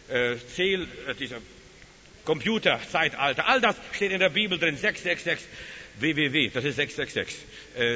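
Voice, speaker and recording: A man preaching with a bright, ringing voice, pitched a little high, in a long-echoing hall. He tells his stories emphatically, sinking into quiet, hushed stretches and then climbing back to loud calls. The recording is dull, with a faint hiss behind him. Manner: emphatic storytelling, dropping to hushed tones then rising. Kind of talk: sermon.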